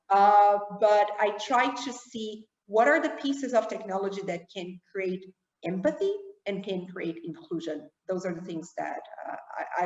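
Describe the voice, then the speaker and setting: Woman panelist, fast and animated, echoey room with long reverb, dull lo-fi audio. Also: medium pitch. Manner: quick, animated, thinking aloud with fillers. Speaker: keynote speaker on a panel. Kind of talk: panel discussion.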